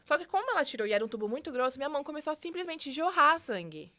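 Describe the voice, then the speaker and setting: A young woman with a Brazilian Portuguese accent, talking quickly as a podcast guest. Her voice sits a little high, and she tells her story with animated energy, jumping into quoted dialogue and restarting her sentences. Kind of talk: casual storytelling interview.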